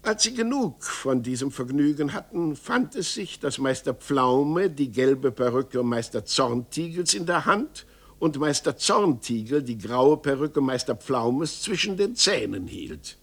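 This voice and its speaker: Slow, gravelly male storyteller. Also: medium pitch. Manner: lively, expressive storytelling. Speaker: narrator. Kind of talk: literary reading for radio.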